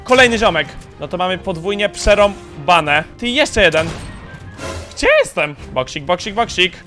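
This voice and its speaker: Bright-voiced young man gaming. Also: high voice, faint music behind. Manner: excitable, shouting bursts, slangy, quick swings to muttering. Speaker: gaming YouTuber. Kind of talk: excited gameplay commentary.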